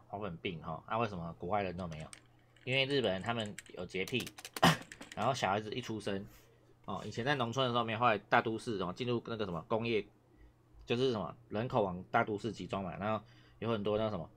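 男老师，低沉嗓音，不停念叨的讲课. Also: male voice, lowish voice, a bit bright, a little hiss or hum. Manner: rambling, repeats words, frequent "哦" and "哈" fillers; coughs now and then. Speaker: Japanese language teacher. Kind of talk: casual classroom lecture.

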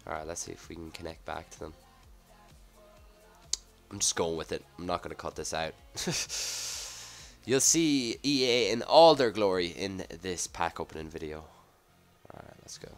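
A man with a low voice, a little husky from a cold, commentates live on a game pack opening. He talks casually, reacting offhand to each item as it shows up. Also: animated, a little slow, long pauses, faint music behind. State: slightly sick, husky off voice from a cough. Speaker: gaming video host.

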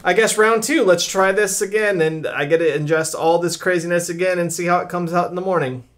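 A man's voice: high voice, steady tone, fairly quick, fairly bright tone. A man vlogging and commenting on his own gameplay in a casual, self-mocking way, reacting aloud as he plays. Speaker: YouTube creator.

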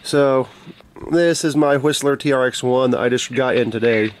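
Casual man, mid-pitched, offhand delivery. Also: normal speed. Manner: informal, unscripted, offhand. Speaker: hobbyist video maker. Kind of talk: casual product show-and-tell. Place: small bedroom, indoors.

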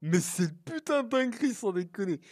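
A man reacting to gifts in a video game, his voice leaping wildly up and down as he shouts and swears, repeating the same exclamations over and over. The sound is close and dry, with faint music playing underneath. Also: sits high, very animated, a little fast, dry recording. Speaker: gaming YouTuber. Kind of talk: excited reaction video commentary.

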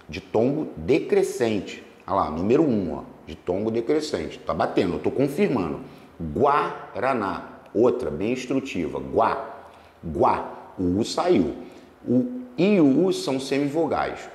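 Lively teacher in an echoey room. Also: male voice, on the low side. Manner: lively, stretches words slowly to spell out syllables. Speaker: exam prep teacher. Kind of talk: solving exam questions on grammar.

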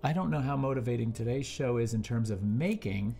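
Easygoing co-host with a gravelly voice. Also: male voice, medium pitch, brisk, warm tone. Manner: chatty, storytelling, easygoing. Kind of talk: casual live-stream chat.

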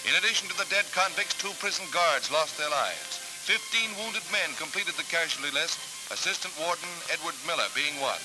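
A man with a high, ringing voice narrates in the style of an old 1940s newsreel. His delivery is dramatic and punchy, the classic announcer's push on every line. Clear music plays behind him throughout. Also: lively intonation, normal speed, hardly any pauses, low-quality recording. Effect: old 1940s newsreel sound.

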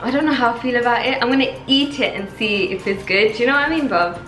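A woman's voice: on the high side, fast talker, a bit bright. Chatty young woman in an echoey kitchen. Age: young adult. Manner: chatty, upbeat, rambling asides to viewers. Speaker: vlogger. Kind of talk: casual cooking vlog. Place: home kitchen, indoors. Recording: roomy kitchen echo, faint background music.

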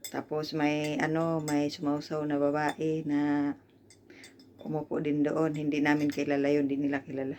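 Low-voiced Filipina woman telling a grievance. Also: normal speed, a little hiss or hum. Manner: aggrieved, animated retelling with quoted voices. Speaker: domestic helper vlogger. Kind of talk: storytelling vlog. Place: Hong Kong.

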